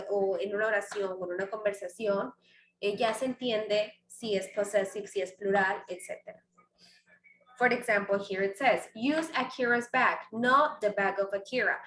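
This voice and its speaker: A woman teaches a grammar lesson in a bright, fairly high voice. She walks through each example patiently and answers her own questions. The room echoes around her. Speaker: English teacher. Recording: echoey room, faint background noise.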